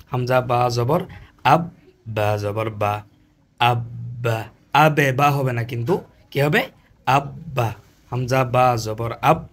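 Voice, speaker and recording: A man runs an online Quran reading class. He spells out Arabic letter sounds one by one in a patient, sing-song drill. He repeats each syllable pair again and again at a steady pitch.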